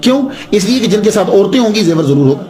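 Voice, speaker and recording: A man's voice: sits high, animated, dark tone, faint music behind. A man preaching a sermon, telling a story with dramatic delivery and voicing the characters in turn.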